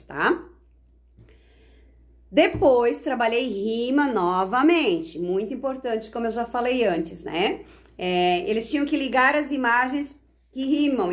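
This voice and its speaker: A woman teacher explains classroom literacy activities in a live online talk, checking in often with tag questions. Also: mid-range voice.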